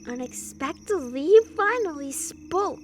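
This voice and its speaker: A woman's voice: high voice, expressive, a little slow, faint music behind. A young woman streamer reading a story game aloud, playful and laughing between lines.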